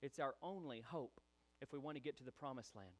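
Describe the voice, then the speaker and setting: A man preaching a sermon, animated and chatty, acting out the voices of people in the story. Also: mid-range voice, a little fast. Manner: animated, acts out quoted voices, chatty asides. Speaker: pastor.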